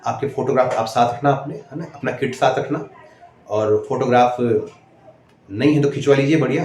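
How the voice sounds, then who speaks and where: A man coaches his viewers through interview preparation in a direct, instructive way and keeps tagging his sentences with "है ना". His voice sits at a middling pitch. The room around him is echoey, with a faint hum behind. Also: darkish tone. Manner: repeats "है ना" as a tag, direct and instructive. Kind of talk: casual advice video.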